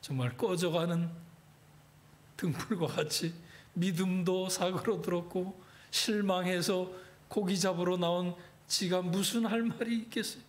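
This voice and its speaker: High-voiced man preaching a sermon. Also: steady tone, measured pace. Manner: dramatic storytelling, acting out biblical dialogue. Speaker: pastor.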